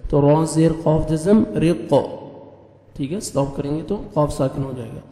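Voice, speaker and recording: A man's voice: fairly high pitch, warm tone. Man teaching Quran recitation in an echoey room. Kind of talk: spelling out and reciting verses with tajweed rules.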